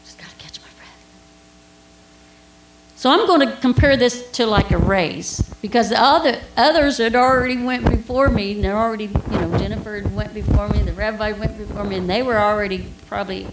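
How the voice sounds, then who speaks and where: A woman's voice: medium pitch, reverberant, a little hiss or hum, poor audio. A woman giving an informal Bible teaching, telling a personal story in a chatty way with laughs and asides.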